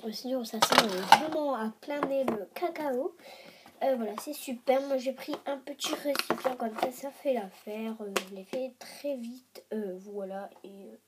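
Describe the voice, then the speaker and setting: A young woman with a fairly high voice talks in a casual, self-deprecating vlog style. She sounds nasal and bunged up with a head cold. Faint noise sits behind her. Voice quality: nasal, congested with a blocked nose from a cold. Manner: chatty, informal, self-deprecating. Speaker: beauty vlogger. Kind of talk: casual chatty vlog, showing homemade makeup.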